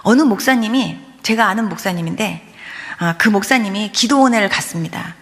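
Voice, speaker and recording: A woman's voice: medium pitch, animated, a little fast. A woman pastor giving a testimony sermon, telling the story with animation and acting out the prayers and voices in it. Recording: long hall reverb.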